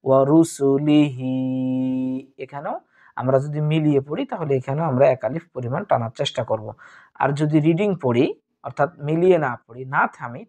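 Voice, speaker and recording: A man teaching Quran recitation in a Bangladeshi Bengali accent, chanting each word slowly and repeating it, then explaining quickly. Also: on the high side, mellow. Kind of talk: slow recitation lesson with quick spoken explanations.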